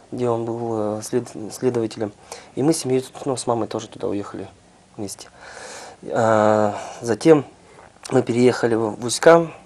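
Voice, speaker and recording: A man of about thirty from the Altai Republic, telling his life story as a studio guest, speaking in a halting, modest way on a lapel mic. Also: mid-range voice, a little mellow. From Altai Republic, Russia. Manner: halting, many fillers and restarts, plain and modest. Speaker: guest, sambo world champion. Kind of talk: interview, personal story. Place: small TV studio with sofas.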